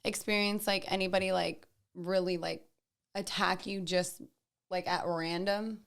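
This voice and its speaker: A woman's voice: fairly low pitch, steady tone, a little slow, vocal fry, fairly bright tone, clear, resonant tone. A woman co-hosting a casual podcast, asking questions in a chatty way, with many fillers. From Arizona, USA. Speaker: podcast co-host.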